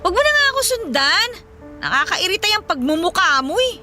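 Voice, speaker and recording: A woman acting in a radio drama as a tipsy, hurt and angry young woman who throws sharp, accusing retorts. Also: very high-pitched, very animated, brisk, faint music behind, exaggerated voice. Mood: cold.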